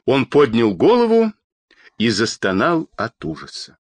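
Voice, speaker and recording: Expressive male storyteller, dry close sound. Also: medium pitch, measured pace, no echo. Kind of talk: storybook reading.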